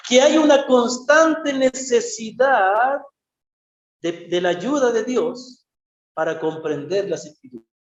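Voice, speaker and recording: A man's voice: very high-pitched, lively intonation, slow. A man preaching a sermon as a missionary, earnest and conversational, often asking rhetorical questions and repeating key phrases. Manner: conversational, asks the congregation frequent rhetorical questions. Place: church. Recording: echoey, dull lo-fi church recording.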